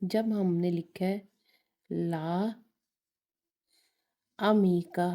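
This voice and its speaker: A woman's voice: on the low side, fairly even intonation, extremely slow, warm tone. A woman teaching a beginner Italian lesson, spelling out and repeating words. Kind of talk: slow language lesson.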